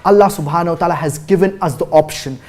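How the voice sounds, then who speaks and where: A man giving a religious lecture and answering questions. He cites chapter and verse, recites Arabic quickly, then translates slowly with emphasis. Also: fairly high pitch, darkish tone. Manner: formal, measured, cites chapter and verse numbers. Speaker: Islamic preacher answering viewer questions.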